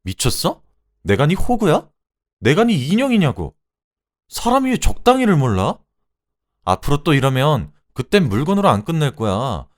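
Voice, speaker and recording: A man voicing a fed-up young wife who shouts and scolds her husband in a Korean radio-drama story reading. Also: fairly low pitch, sing-song, a little fast. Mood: furious. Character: furious fed-up young wife, sharp-tongued.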